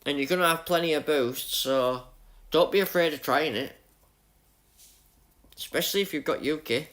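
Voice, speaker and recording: Casual live-stream chat from a young Yorkshire gamer racing on screen: he names viewers as he greets them, laughs often and jokes about his bad luck. His tone is fairly bright and a touch high for a man, and he keeps a moderate pace in his easy, matey talk.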